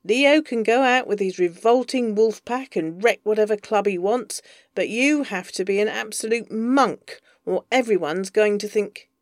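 A woman reading as a bossy publicist whose voice jumps up high and loud to scold a client. The delivery is sharp and hectoring, with a gravelly edge, and the recording is dry. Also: expressive, measured pace, hardly any pauses, no echo.

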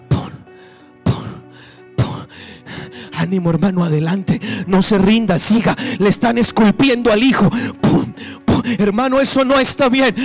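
A man pastor preaching a sermon, dropping to hushed, slow phrases and then rising to shouted bursts. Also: very high voice.

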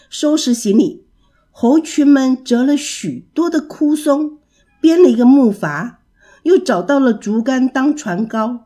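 A woman storyteller reads a classic tale for children with lively, expressive delivery. Her voice sits fairly high and moves freely in pitch, mellow and slightly breathy.

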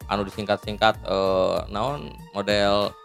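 A man's voice: on the low side, a little slow, creaky, faint music behind. A man with a Sundanese accent, a guest on a casual podcast, explaining patiently with examples and chuckling often. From Garut, West Java.

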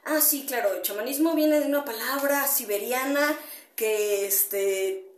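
A woman's voice: a little high, unhurried, reverberant. A woman hosting a casual solo podcast, rambling with many fillers and tag questions and greeting listeners as she goes. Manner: greets listeners mid-talk. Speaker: podcast host.

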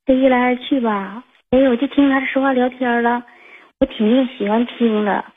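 Her pitch is a little high and her tone steady as she speaks at a moderate pace. She's a caller in her 20s, recounting something personal on the phone in a rambling, restart-heavy way, and the line sounds tinny.

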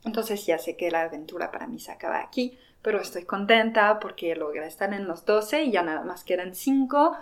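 A young woman from France telling a personal story about competing in a beauty pageant in a casual, lively way. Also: on the low side. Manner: lively, quotes herself and others in acted voices. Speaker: former pageant contestant.

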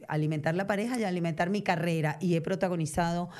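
A middle-aged woman with a Venezuelan accent speaks in a slightly low voice. She tells her stories with animation in a relaxed interview, often quoting others. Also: fast talker. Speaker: actress, interview guest. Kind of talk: casual interview chat.

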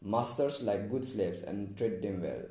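Man reads a proud, hard-working farmer slave in a spoken story: firm earnest delivery, dark tone. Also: lowish voice, a little slow, reverberant, natural voice.

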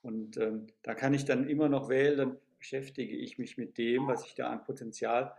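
A man speaking as a podcast guest in a reflective conversation, searching for his words and pausing on many filler sounds. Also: medium pitch, fairly even intonation, vocal fry, a little mellow. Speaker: guest discussing education theory.

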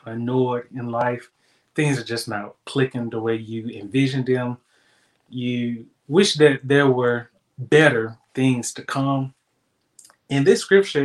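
Upbeat man giving a devotional. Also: mid-range voice. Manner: upbeat, encouraging, loose and conversational. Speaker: devotional host. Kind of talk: casual devotional talk.

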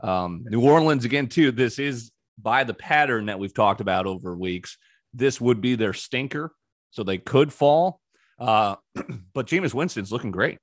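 A man's voice: mid-range voice, expressive, unhurried, no room sound, clean studio sound. A man hosting a sports betting podcast, running through picks in a casual, opinionated way with frequent ums.

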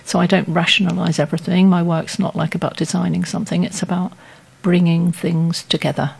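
A woman's voice: fairly low pitch, little pitch movement, brisk, vocal fry, a little mellow, husky. A woman sculptor answering questions in a radio studio interview, speaking hesitantly with many fillers as she thinks aloud.

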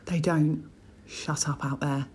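A woman's voice: low-pitched, fairly even intonation, takes it slowly, darkish tone. A young woman co-hosting a casual chat with her mother, teasing and dramatic, often laughing. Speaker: podcast co-host, daughter.

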